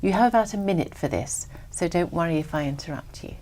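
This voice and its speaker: Formal lower-voiced woman examiner. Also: lively intonation, mellow, a little hiss or hum. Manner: formal, measured. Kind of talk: scripted exam instructions.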